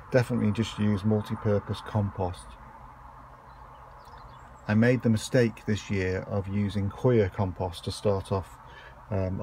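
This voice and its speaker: A man giving a relaxed, hesitant tour of his allotment and greenhouse, filming on a handheld phone outdoors. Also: fairly low pitch, vocal fry, slight background noise. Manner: relaxed, hesitant with many ums and uhs. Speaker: allotment vlogger. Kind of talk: casual garden tour narration.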